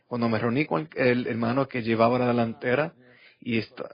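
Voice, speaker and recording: A middle-aged man preaches a sermon through personal stories, slipping into the voices of the people he quotes. His pitch sits in the middle range. The recording sounds dull and lo-fi. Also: steady tone, moderate pace. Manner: storytelling, acting out quoted voices.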